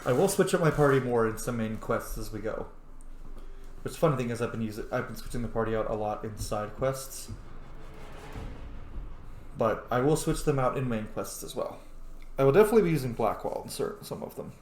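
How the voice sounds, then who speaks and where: A gamer chats casually while playing a video game, commenting on the action, reading choices aloud and swearing now and then. His mid-range voice is brisk with frequent pauses, and the room sounds echoey with faint background noise.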